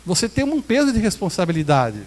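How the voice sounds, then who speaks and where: High-voiced brazilian pastor joking his way through a sermon, echoey church hall. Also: sing-song, fairly quick, a little mellow. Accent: Brazilian Portuguese. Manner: conversational, jokey preaching with acted-out quotes.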